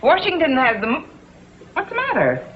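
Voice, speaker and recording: In a 1950s TV sitcom, an actress plays a breezy, unflappable mother on a trip who lightly teases and reassures her daughter. Her voice sits high, with wildly swooping pitch and a moderate pace. The dull old soundtrack carries hiss and audience noise.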